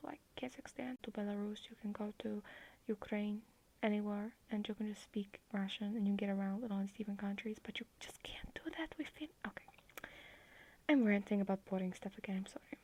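A woman's voice: mid-range voice, a little fast, a little mellow, slightly rough, poor audio. A young woman whispering as an affectionate, clingy girlfriend in an ASMR roleplay on a video call at night.

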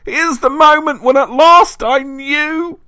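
A vengeful male spirit, reborn again and again,. His rasping voice sits far above an ordinary speaking pitch, strained and unnatural in tone, hissing and menacing. Captured in a dry, close recording with no room sound. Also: lively intonation, unhurried, fairly bright tone, dry recording. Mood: ranting. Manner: menacing, rising to bellowing shrieks. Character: vengeful reincarnated male spirit, hateful and ranting. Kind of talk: audiobook character voice.

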